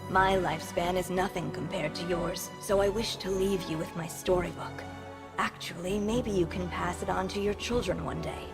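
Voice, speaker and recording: An actress playing a gentle, wistful mortal storyteller in a video game. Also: female voice, lowish voice, fairly even intonation, moderate pace, over music, close to an everyday voice.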